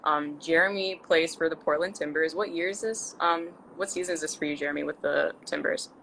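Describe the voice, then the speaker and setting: Chatty young woman hosting, bright voice. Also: sits low, steady tone, fairly quick, creaky, a little hiss or hum, rough recording. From Central Maryland, USA. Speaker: host. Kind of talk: casual live video interview.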